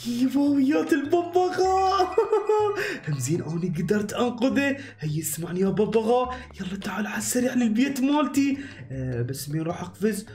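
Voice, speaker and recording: An excitable young hero, voiced by a man with an Iraqi accent, narrates his own escape in breathless bursts. The voice sits high, and it carries a roomy echo over light music. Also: brisk, exaggerated voice. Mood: excited. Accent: Iraqi Arabic. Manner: breathless, excitable, talks to himself. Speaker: voice actor and channel host. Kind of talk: animated game-movie voice acting. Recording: echoey room with background music.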